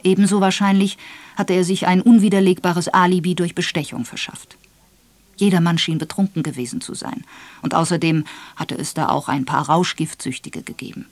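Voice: mid-range voice, dry recording. Brief: Vorleser eines Kriminalromans, ruhig und ausdrucksvoll, mittlere Tonlage, trockener Studioklang. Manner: measured, expressive storytelling. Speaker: audiobook narrator. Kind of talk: scripted narration.

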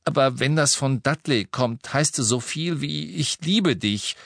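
A man's voice: medium pitch, lively intonation, a little slow, creaky, a bit bright, dry recording, clean studio sound, voice pushed up, full character voice. A man voicing a wry teenage boy wizard.

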